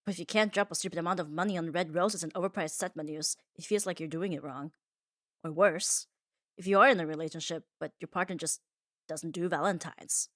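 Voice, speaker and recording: A woman with a lowish voice performs a scripted comfort ASMR monologue, a little fast, earnest and reflective, leaning on short emphatic phrases. The recording is clean studio sound with no echo.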